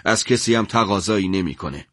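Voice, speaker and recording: A calm, unshaken political prisoner answering back, as a man voices him in a radio story. His voice sits fairly low and stays even. The sound is dry and close. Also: no echo. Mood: calm, defiant.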